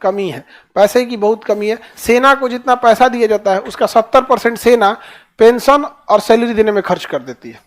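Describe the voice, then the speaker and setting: Male teacher, Bihari accent, very high pitch, chatty rhetorical lecturing style. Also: normal speed. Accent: Bihari Hindi. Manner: rhetorical questions, colloquial. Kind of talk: classroom lecture.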